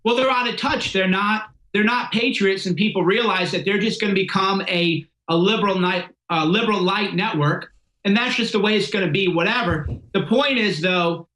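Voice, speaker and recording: Casting: assertive male pundit, bright and sharp tone, echoey room. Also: high voice, normal speed. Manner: assertive, opinionated. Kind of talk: political talk show discussion.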